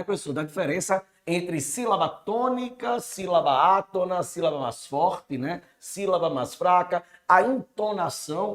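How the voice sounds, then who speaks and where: A man's voice: high-pitched, reverberant. A man co-presenting a televised Portuguese lesson, chatty and constantly checking in with tag questions. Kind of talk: lively classroom presenting.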